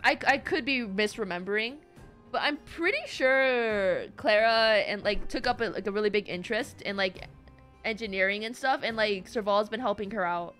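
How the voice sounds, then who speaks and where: A woman game streamer with a fairly high voice gives casual, rambling live commentary, excitable and giggly, recorded on a close mic.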